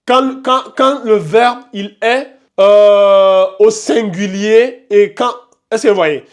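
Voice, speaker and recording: A man with a high voice teaches a relaxed online lesson, speaking patiently and going over each term more than once. He keeps checking in with his students to make sure they follow. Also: slow pace. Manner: patient, repeats terms, asks "vous voyez?" often. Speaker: Quran recitation teacher. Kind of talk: live online tajwid lesson.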